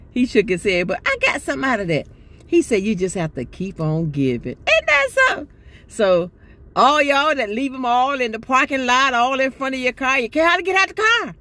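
A woman's voice: medium pitch, fairly bright tone. An older woman chatting in a casual selfie vlog from her parked car, exasperated and laughing often. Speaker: vlogger. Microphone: phone held at arm's length.

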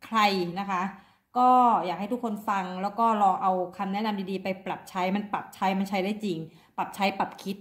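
A woman's voice: medium pitch, steady tone, a little fast. A middle-aged woman giving a casual tarot reading, chatting to viewers and often repeating herself, recorded on a phone's front camera. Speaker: tarot reader. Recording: roomy echo.

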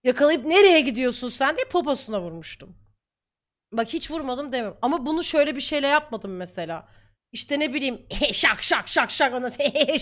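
A young woman streamer talking casually to her viewers, heated and ranting at times. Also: high-pitched. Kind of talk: casual chat.

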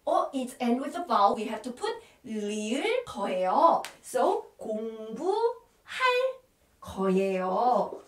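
A woman with a Korean accent teaching a language lesson, patiently repeating words slowly and often checking in with "Okay?". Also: fairly high pitch, sing-song, reverberant, distant mic, slight background noise.

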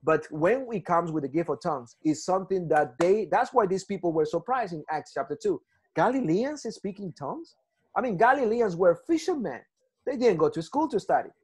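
A man's voice: sits high, expressive, brisk, a little mellow, breathy edge. Ecuadorian guy, spanish accent, pastor doing bible study on a video call, keeps restarting and asking right?. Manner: earnest, repetitive, frequent restarts and "right?" checks. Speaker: pastor teaching a Bible class.

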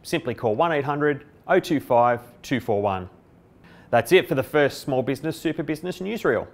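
Animated and at a moderate pace, a middle-aged man with an Australian accent talks to camera in a scripted company explainer. His voice is medium-pitched. The setting is an indoor office by a window, and he wears a lapel mic.

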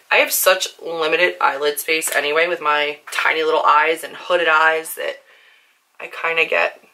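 A young woman with a hoarse, worn voice, chatting casually while demonstrating makeup on her channel. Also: low-pitched, bright, forceful tone. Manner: chatty, filler-heavy, self-deprecating. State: hoarse from screaming. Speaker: beauty vlogger.

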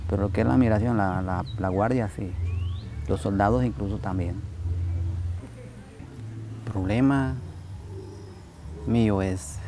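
A middle-aged man from El Salvador with a Salvadoran Spanish accent, speaking outdoors in a halting, plainspoken way with many fillers and restarts. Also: lowish voice, dark tone, slight background noise. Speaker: migrant worker. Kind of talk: documentary interview testimony. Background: music.

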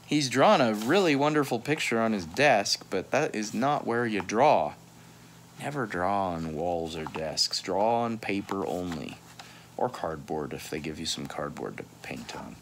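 A thirtysomething man hosts a read-aloud of a children's picture book from his couch in a small home room, playfully drifting into asides along the way. His voice sits on the low side, unhurried, with lively intonation and a little hiss or hum.

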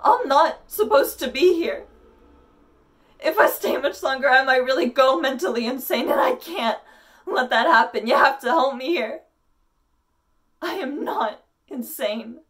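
A young woman playing a paranoid, desperate female asylum inmate in a theatrical monologue, halting, intense and pleading. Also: high-pitched, lively intonation, fairly bright tone. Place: indoors against a plain wall. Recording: voice distant from the mic.

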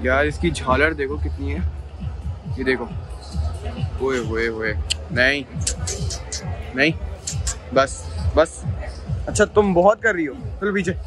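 A young man from Pakistan with a Karachi Urdu accent, giving excited casual vlog commentary while walking around an outdoor cattle show. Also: medium pitch, slow pace, pauses often, music in the background. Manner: excited, exclaiming over animals. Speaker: vlogger.

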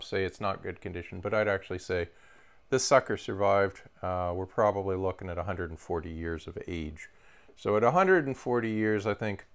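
Casual dealer in his forties, low clear voice, chatty and eager, indoor showroom. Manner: chatty, enthusiastic, many fillers. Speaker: antique toy dealer. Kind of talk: casual product walkthrough. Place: indoor showroom with glass display cases.

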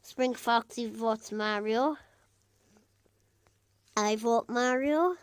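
Woman, fairly high voice, casual game host, reads out results one by one. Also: very slow, smooth, no echo. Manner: reads out results in a running list. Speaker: host narrating a simulated reality show. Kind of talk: casual gaming commentary.

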